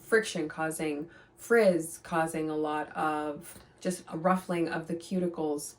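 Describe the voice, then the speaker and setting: A woman talks straight to her viewers about hair care, her voice sitting a little low for a woman. She hammers her points home with repetition and a firm, reassuring coaching tone. The mic is set a little away from her. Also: steady tone, unhurried, recorded from a distance. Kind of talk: direct-to-camera advice vlog.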